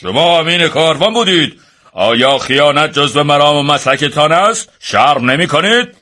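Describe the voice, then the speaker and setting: A man's voice: mid-range voice, animated, pushed and bright, pitched above the performer's own voice. A man voicing a firm, resolute merchant. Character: steady male merchant, resolute and honorable.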